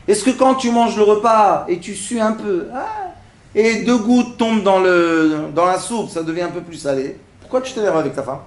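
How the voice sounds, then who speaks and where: Lively man giving a religious lesson. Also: high voice, moderate pace, echoey room. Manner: lively, animated, acts out little scenes with laughter. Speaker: rabbi teaching a class. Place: classroom.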